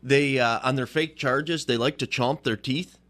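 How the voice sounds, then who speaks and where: A man's voice: mid-range voice, measured pace, a bit bright. A man hosting a radio talk show, easygoing, often answering with a short "yeah". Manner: easygoing, with frequent "yeah" backchannels.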